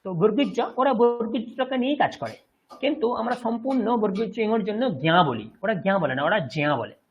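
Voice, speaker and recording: This Sanskrit teacher from West Bengal, India, has a Bengali accent and a high, breathy-edged voice with lively intonation and quick delivery. In his online class lecture, he explains patiently and checks that students follow. The audio is dull lo-fi.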